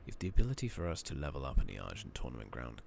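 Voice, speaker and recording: Musing to himself in a near-whisper at times, a gaming channel host offers unhurried, soft-spoken ASMR commentary on his playthrough. His very low voice carries heavy vocal fry, and his hushed murmuring has a lively rise and fall. Slight background noise is present.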